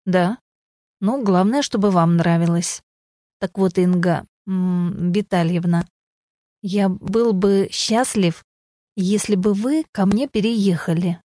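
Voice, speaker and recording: A woman's voice: medium pitch, slow pace, mellow, dry recording, clean studio sound, close to an everyday voice. A woman voicing a contrite grey-haired old man. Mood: pleading.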